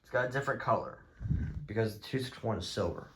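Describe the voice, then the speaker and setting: A man with a fairly low voice talks fast over background noise as he presents his radio collection in an informal, unscripted video. A hobbyist creator, he rambles and is easily exasperated.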